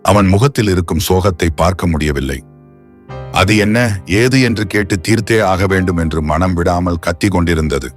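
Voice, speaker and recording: A man reading a romance novel aloud as its narrator, with a measured storytelling delivery. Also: deep voice. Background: faint music.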